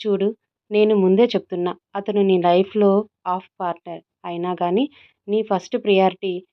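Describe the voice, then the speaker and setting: A woman's voice: medium pitch, steady tone, normal speed, lightly acted. A woman voicing a possessive, tearful young female best friend who scolds and pleads. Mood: sulky teasing. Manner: scolding, then pleading and sobbing. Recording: tinny phone-like audio.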